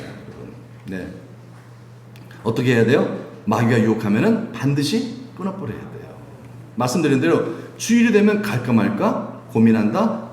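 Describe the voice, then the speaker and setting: A man's voice: medium pitch, a little hiss or hum. A man preaching a Sunday sermon as pastor, asking the congregation questions and chuckling often. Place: church sanctuary. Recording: echoey church sanctuary.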